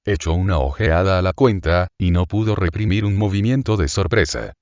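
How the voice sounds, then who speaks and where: A man narrating a classic novel as an audiobook in a measured, literary reading. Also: deep voice, darkish tone, no room sound, lo-fi sound. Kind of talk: scripted narration.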